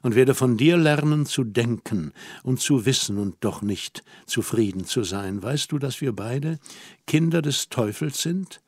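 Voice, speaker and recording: A man reading the part of a worldly, teasing young woman in an audiobook, gentle and lightly mocking. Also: mid-range voice, lively intonation, unhurried, dry recording, studio quality.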